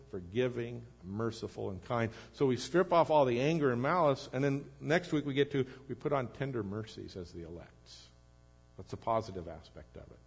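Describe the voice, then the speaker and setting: A man preaching a sermon as pastor, earnest, swinging between emphatic lines and low, quiet ones. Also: gravelly, slightly rough. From United States.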